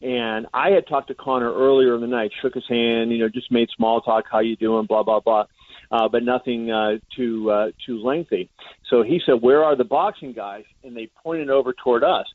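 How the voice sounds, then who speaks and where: A man's voice: mid-range voice, fairly even intonation, moderate pace, dry recording. A man, a reporter guest on a radio show, telling a story at length with many "uh" fillers. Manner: rambling, frequent "uh" fillers. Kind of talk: storytelling in a phone-in interview. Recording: dry tinny phone line.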